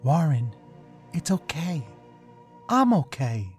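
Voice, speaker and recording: A man voicing a gentle ghostly young woman in a read story, soft and reassuring. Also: on the high side, big pitch swings, slow pace, soft background music. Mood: tender.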